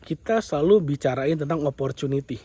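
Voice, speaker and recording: A man's voice: on the high side, fairly quick, warm tone, slightly rough, dry recording. Emphatic Indonesian-speaking business motivator, man. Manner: emphatic, repetitive, acts out quoted complaints. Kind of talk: motivational monologue.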